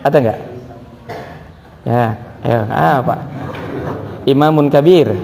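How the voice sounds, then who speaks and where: A man from Indonesia teaching a Quran recitation lesson. He moves between slow, melodic recitation and brisk, corrective explanation. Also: mid-range voice, vocal fry. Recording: hall reverb, faint room noise.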